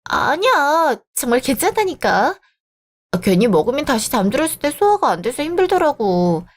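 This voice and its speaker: A woman's voice: sits high, big pitch swings, moderate pace. A woman voicing a spoiled, sulky young sister-in-law who whines childishly. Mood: whiny.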